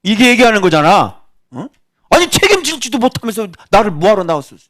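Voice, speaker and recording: Middle-aged male pastor, sermon, teasing, questions the listeners, high voice, very lively pitch. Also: fast talker. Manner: chatty, teasing, quizzes the congregation.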